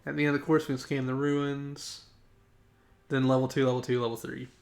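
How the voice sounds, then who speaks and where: A man's voice: medium pitch, level tone, a little fast, vocal fry. A young man streaming a game live, chatting with viewers, rambling and correcting himself as he goes, sneezy today. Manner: chatty, reads chat aloud, rambling self-corrections. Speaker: gaming streamer. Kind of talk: live gameplay commentary.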